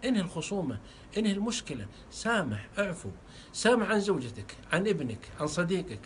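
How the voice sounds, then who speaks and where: Fervent preacher guy talking fast, kinda high voice, faint hiss behind. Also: very animated. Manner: fervent, repeats phrases for emphasis. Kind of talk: sermon.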